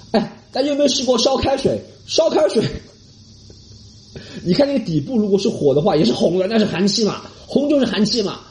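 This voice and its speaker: Talking a little fast in a high voice, a man runs a comedy podcast as a lively, joking monologue. He has a Mandarin Chinese accent, drops in English phrases, and does mocking voices.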